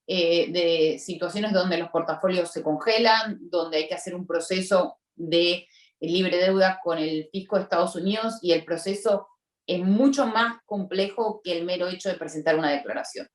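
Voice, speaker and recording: A woman's voice: lowish voice, moderate pace. A woman tax lawyer, explaining points emphatically and repeating key warnings on a video call webinar. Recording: echoey room, distant from mic.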